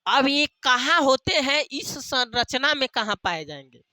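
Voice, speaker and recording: A male teacher lectures at a slow, deliberate pace, asking questions and answering them himself. His voice is bright and crisp, and he repeats key terms and slips in jokey memory tricks. The close, dry recording has no room sound. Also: extremely high pitch, expressive, no echo. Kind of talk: classroom lecture with call-and-response questions.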